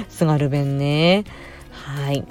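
A woman hosting a casual podcast, politely reading out listener comments in a gentle way, often pausing on filler words and sounding tired after work. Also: low voice, sing-song, soft background music. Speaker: podcast host.

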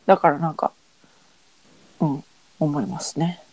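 A woman with a Kansai accent co-hosting a podcast in casual chat, working through an idea with many fillers and pauses. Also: low-pitched, a little mellow. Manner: thoughtful, searching for words with many fillers. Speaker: podcast co-host.

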